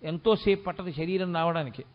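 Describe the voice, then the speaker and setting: A high-pitched middle-aged man delivers a spiritual discourse, drawing out chanted verses before breaking into rapid scolding questions. The recording is dull and lo-fi. A long reverb trails each phrase. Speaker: religious discourse speaker. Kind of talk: Telugu spiritual discourse on scripture.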